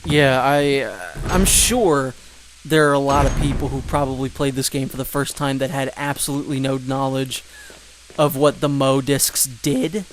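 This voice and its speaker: A man's voice: mid-range voice, normal speed, a little hiss or hum. A man giving casual gameplay commentary, rambling with joking asides and fillers. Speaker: let's play commentator.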